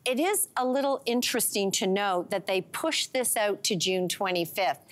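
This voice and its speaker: A woman's voice: medium pitch, lively intonation. A middle-aged woman, a financial commentator explaining tax rules with worked dollar examples on a studio talk show, on a lapel mic. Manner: brisk explainer walking through dollar examples.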